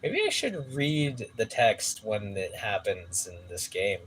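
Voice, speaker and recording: A man's voice: fairly low pitch, sing-song, slow, fairly bright tone, slight background noise. A man streaming a game and chatting casually, rambling with lots of fillers and restarts, on a phone mic set some way off. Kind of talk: casual live-stream chat. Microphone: phone mic some distance away.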